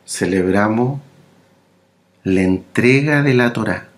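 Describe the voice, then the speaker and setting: A man preaching a sermon, speaking slowly and haltingly, with many fillers and repeated words. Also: on the low side.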